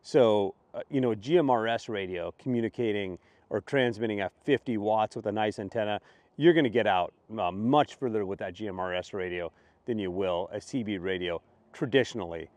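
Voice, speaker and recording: A radio shop expert fields viewer questions in an informal Q&A, explaining products in a conversational, matter-of-fact way and thinking aloud. His voice is on the low side and a little mellow, and he talks a little fast. There's no echo.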